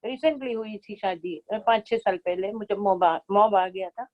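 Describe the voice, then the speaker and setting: A woman's voice: mid-range voice, normal speed, muffled recording. A woman teaching a religious class over a video call, mixing in English phrases and acting out little scenes. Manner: mixes in English, acts out mothers' voices. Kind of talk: online religious class talk.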